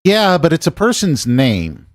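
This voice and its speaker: Male streamer from the US, loose musing delivery, animated intonation, dry close-mic sound. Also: on the high side, a little slow, no echo. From United States. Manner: rambling, musing aloud while playing. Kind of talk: casual gameplay chat with chat.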